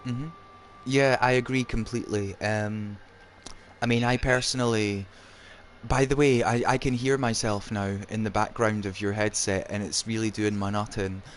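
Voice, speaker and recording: A man from Edinburgh with a soft Scottish accent, hosting a casual livestream chat. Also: on the low side, steady tone, normal speed, a little hiss or hum. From Edinburgh, Scotland. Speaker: livestream host.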